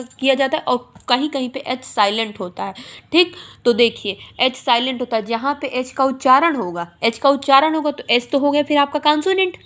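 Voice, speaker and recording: A woman teacher, slowly explaining a grammar lesson and spelling words out letter by letter. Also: high voice, fairly bright tone. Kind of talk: Hindi grammar lesson explaining English articles.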